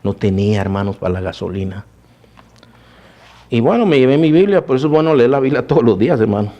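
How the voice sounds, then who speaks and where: A man, a pastor, preaching a sermon and telling his own testimony, calling the listeners "brothers", moving between raised preaching and hushed storytelling. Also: mid-range voice, lively intonation, quick pace, highs cut off.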